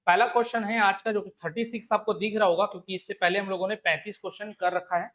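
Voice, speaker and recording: A man with a Chhattisgarhi Hindi accent teaches an online exam-prep lesson in a high voice. He works through each option step by step and repeats the key words. The recording sounds dull and lo-fi. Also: fairly even intonation, quick pace, a bit bright. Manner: explains step by step, repeats the question and the answer over and over.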